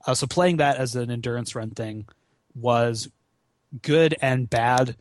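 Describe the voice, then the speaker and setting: Here the same sort of speaker, a man in his twenties who guests on podcasts and runs gaming marathons, talks a little slowly at a medium pitch. The recording has no room sound, and his rambling video game chat is full of swearing, slang, and self-deprecating asides.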